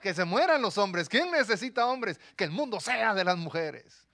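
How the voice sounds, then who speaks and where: A man's voice: high voice, very animated, moderate pace, pushed and bright, full character voice. A man voicing a sassy little girl who mocks and dismisses boys. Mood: scornful. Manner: mocking, dismissive.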